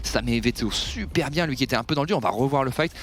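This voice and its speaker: A man's voice: mid-range voice, animated, very fast, a bit bright, a little hiss or hum. A man giving analytical esports commentary, breaking down team fights and replays.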